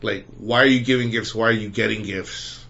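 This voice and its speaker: A man's voice: on the low side, steady tone, moderate pace, pushed and bright. A man co-hosting a casual podcast, talking animatedly and laughing often. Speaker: podcast co-host. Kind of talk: casual chat. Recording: dull lo-fi sound.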